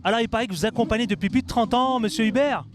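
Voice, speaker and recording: A man's voice: very high voice, rapid-fire. A man presenting and interviewing on location as a television reporter, in emphatic short phrases. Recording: faint music behind.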